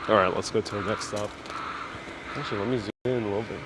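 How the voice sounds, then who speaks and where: A man's voice: on the low side, fairly even intonation, fast. A man giving a casual, chatty live walking tour, politely answering viewers, his voice slightly muffled through a mask. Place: outdoors, walking on city streets. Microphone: clip-on mic worn on the body. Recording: street noise, outdoor live stream. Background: street ambience, passing vehicles.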